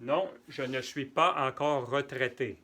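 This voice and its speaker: A man whose first language is neither French nor Spanish teaches French grammar to Spanish speakers, patiently repeating example sentences and translating them. His mid-range voice is bright and forceful, and he keeps a measured pace in this bilingual grammar lesson.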